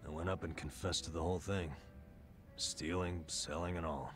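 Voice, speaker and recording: A man's voice: low voice, fairly even intonation, moderate pace, fairly bright tone, soft background music. An actor playing a weary, self-loathing middle-aged man in a dramatic video game scene. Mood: resigned, explaining.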